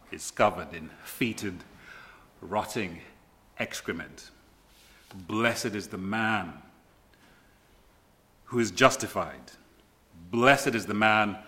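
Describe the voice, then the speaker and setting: A middle-aged man preaching a sermon, repeating key phrases with emphatic, deliberate pauses. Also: lowish voice, bright, forceful tone. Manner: slow deliberate delivery with dramatic pauses.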